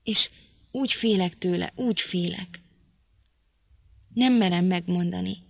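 A woman voicing a frail young man who begs and whimpers in a low, hushed voice. Each line sounds frightened and self-pitying. The audiobook recording is dry and close. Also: gravelly, husky, dry recording. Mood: sobbing, fearful. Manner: pleading and whimpering. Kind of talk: audiobook character reading.

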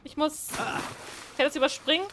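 A woman's voice: sits high, normal speed, background noise. A woman giving casual let's-play commentary, chatty and jumpy, pleading and squealing when scared. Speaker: gaming streamer.

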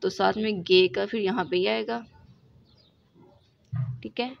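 Slow gravelly woman teaching shorthand. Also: mid-range voice, steady tone. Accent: Pakistani Urdu. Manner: slow, repetitive, checks with "ठीक है" after each step. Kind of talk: recorded lesson explaining examples. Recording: dull lo-fi recording with faint noise.

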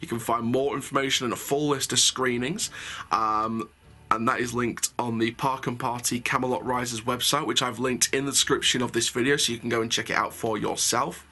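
A man's voice: medium pitch, sharp tone. A young man hosting a theme park channel, reading a news update and then giving his opinions in a chatty way, with many ums and restarts. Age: young adult.

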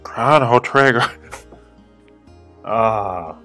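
A man's voice: medium pitch, very slow, sharp tone, faint music behind. A man giving casual, joking commentary while playing a game, rambling and wisecracking. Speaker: let's play gamer.

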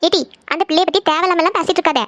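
A woman's voice: very high voice, fairly even intonation, racing, fairly bright tone, no room sound. A woman voicing a fussy elderly grandmother in a cartoon, with a brusque, scolding manner.

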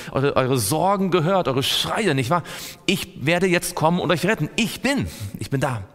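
A man's voice: on the high side, a bit bright. A man teaching a Bible study to a group, asking them questions and answering himself. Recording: long reverb in a hall.

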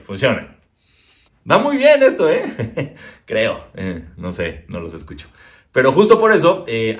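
A young Mexican man doing stand-up comedy from his living room, crude and self-mocking, arguing back and forth with himself. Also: mid-range voice.

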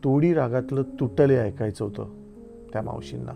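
A middle-aged Indian man reads his own essays aloud in a slow, reflective storytelling style, pausing between phrases. His medium-pitched voice is gravelly and dark, with soft guitar playing faintly in the background.

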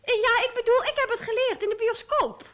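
A woman's voice: very high voice, steady tone, a little fast, a crowd in the background. An actress playing a spirited young woman in love with a baron, bubbly and teasing, in an old radio comedy. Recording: old radio play with noisy background.

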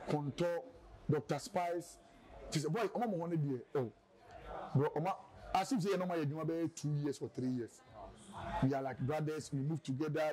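A Ghanaian-accented radio presenter tells his own story in a casual interview, rambling as he moves between a local language and English. His voice is a little high but dark in tone, and the recording quality is low.

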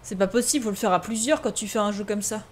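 With a medium-pitched voice and a fast delivery, a woman hosts a casual let's-play of a farming game, reading the prompts aloud and chatting straight to her viewers. A little hiss or hum is audible.

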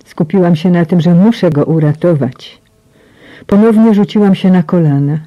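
A woman narrating a first-person audiobook in a hushed, emotional way that often drops to a whisper. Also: lowish voice, normal speed, dry recording. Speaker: audiobook reader. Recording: slightly muffled, dry.

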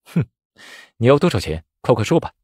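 A man voicing a calm, upright male scholar who speaks in a low, measured and firm way. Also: no room sound, studio quality.

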